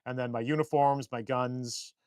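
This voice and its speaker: A man co-hosting a casual live stream from a shed workshop, talking in long rambling, animated stories. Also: medium pitch, normal speed, smooth, dry recording. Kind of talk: casual chat.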